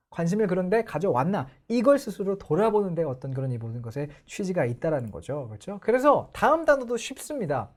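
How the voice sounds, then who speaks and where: A young woman teaching English pronunciation in an online lecture, explaining and putting questions to the viewers. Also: on the low side.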